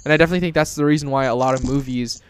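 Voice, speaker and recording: A man's voice: medium pitch, fairly even intonation, very fast, clean tone. A young man co-hosting a casual podcast chat, talking hesitantly and searching for words as he goes. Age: young adult. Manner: hesitant, many restarts and fillers, searching for words. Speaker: podcast co-host.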